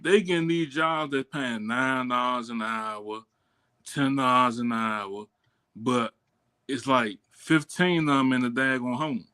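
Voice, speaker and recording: A man's voice: medium pitch, takes it slowly, sharp tone, smooth. A man co-hosting a podcast in slangy casual chat, often tagging "you know what I'm saying.".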